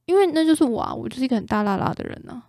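A woman's voice: a little high, expressive, very fast, vocal fry, darkish tone, no room sound, clean studio sound. Casual Taiwanese woman, blunt and informal. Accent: Taiwanese Mandarin. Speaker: guest sharing relationship stories. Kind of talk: casual chat.

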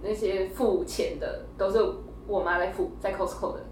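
A woman's voice: mid-range voice, fairly even intonation, normal speed, a little mellow. A young woman hosting a casual podcast, telling a funny story animatedly with laughter and acted-out quotes. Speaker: podcast host. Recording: roomy echo, faint noise.

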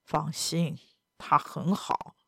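A woman voicing a scheming middle-aged male baron, a villain in a storybook reading, speaking low and sneering. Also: level tone, takes it slowly, vocal fry, breathy edge, dry recording, studio quality, exaggerated voice.

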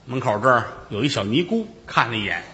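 A male storyteller, his voice climbing and dropping with huge swings in pitch. His tone is bright and forceful, and he keeps breaking off for jokey asides. A long reverb hangs on every phrase. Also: brisk. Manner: lively, jokey asides to the listeners. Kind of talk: traditional comic storytelling.

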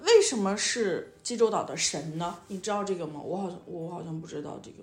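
A woman's voice: on the low side, expressive, brisk, darkish tone. A woman hosting a casual interview with a young child as a language teacher, prompting with short questions and repetition and dropping in foreign words. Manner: drops foreign words into sentences.

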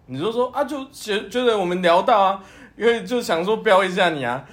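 A man's voice: high voice, lively intonation, a little fast. A man with a Taiwanese Mandarin accent co-hosting a podcast, chatting crudely, swearing and laughing as he retells stories. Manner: laughs often, swears freely, acts out quotes. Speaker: podcast co-host. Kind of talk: casual crude banter.

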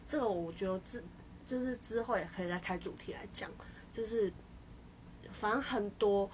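A young woman co-hosting a podcast talks casually in a mid-range voice at a normal speed, sounding reflective and hesitant. She restarts her sentences frequently, and there's slight background noise.

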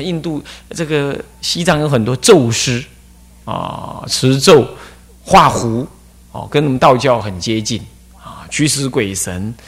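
A man giving a Buddhist dharma talk as abbot, telling stories with lively rhetorical questions. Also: medium pitch. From Taiwan. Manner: animated storytelling with rhetorical questions.

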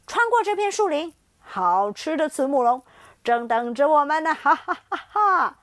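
A woman's voice: high voice, big pitch swings, normal speed, no echo, studio quality. A woman voicing a menacing adult male tyrannosaurus who taunts and laughs in a storybook tale. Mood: taunting.

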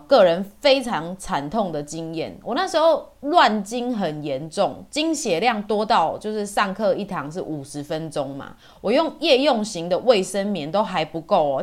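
A woman in her forties from Taiwan with a Taiwanese Mandarin accent, telling personal stories as a podcast host in a chatty, colloquial way. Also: medium pitch. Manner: chatty, colloquial, with sentence-final particles. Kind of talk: casual personal storytelling.

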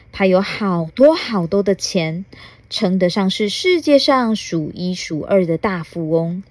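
Mom reading a kids' book real slow and sing-songy, gentle, stops to ask the kid stuff, dry close mic. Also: female voice, medium pitch, dry recording. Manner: slow, gentle, asks the child questions. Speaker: mother reading a picture book. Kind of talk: children's story podcast reading.

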